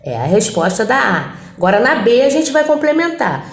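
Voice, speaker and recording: A woman's voice: fairly high pitch, very animated, moderate pace, reverberant. A woman teaching a Portuguese grammar lesson with a Brazilian accent, working patiently through textbook exercises and checking in with the class after each point. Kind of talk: recorded lesson going over textbook exercises.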